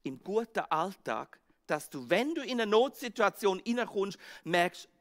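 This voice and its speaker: A male pastor with a Swiss German accent preaching a sermon, acting out the scene with sudden swings from loud outbursts to hushed words. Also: sits high, sing-song, measured pace. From Switzerland. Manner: dramatic, acts out the disciples' panic and Jesus' words, swings from loud to hushed.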